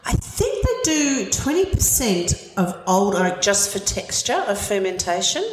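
A woman leading a casual wine tasting, chatty and knowledgeable, explaining flavours with quick laughs. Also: medium pitch, big pitch swings, rough recording. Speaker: wine educator.

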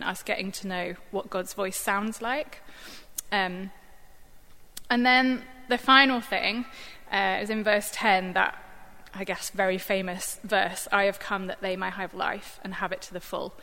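Bright-voiced woman giving a reflection. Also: medium pitch, steady tone, unhurried. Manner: conversational, thoughtful, many fillers. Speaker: church staff member giving a Bible reflection. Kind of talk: informal sermon reflection. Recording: long hall reverb.

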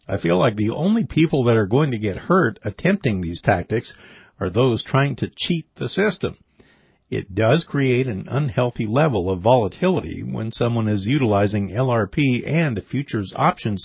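Husky male commentator, dry recording. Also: mid-range voice, dry recording. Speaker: market report presenter. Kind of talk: scripted radio commentary. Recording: dry, slightly dull audio.

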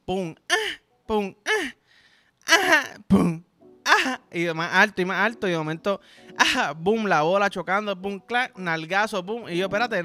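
Crude, bright-voiced Puerto Rican man. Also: high voice, clear, resonant tone. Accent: Puerto Rican Spanish. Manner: vulgar, rambling, animated storytelling with sound effects. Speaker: podcast host. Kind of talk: crude comedic monologue.

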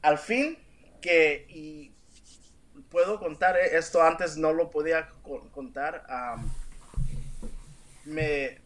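Brief: male interview guest, slightly high voice, slow earnest storytelling with restarts. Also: steady tone, fairly bright tone. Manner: earnest, emphatic, stumbling restarts. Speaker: interview guest, real estate agent. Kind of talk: personal storytelling in a podcast interview.

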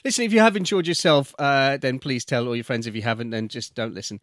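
A man's voice: medium pitch, quick pace, fairly bright tone, no echo, clean studio sound. Chatty man co-hosting a podcast. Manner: chatty, repeats and restarts, laughs often. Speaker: podcast co-host. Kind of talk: casual chat.

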